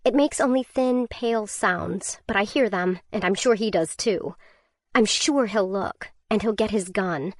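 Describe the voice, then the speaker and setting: An audiobook narrator, a woman with a mid pitch for her sex, reads a first-person survival thriller in a tense, measured way. The recording is dry and close, with no room sound around her.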